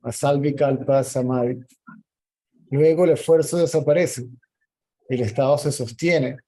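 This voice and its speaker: A man teaching spirituality in a question-and-answer meeting, explaining calmly and often checking in with a short "yes?". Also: mid-range voice, unhurried, rough recording.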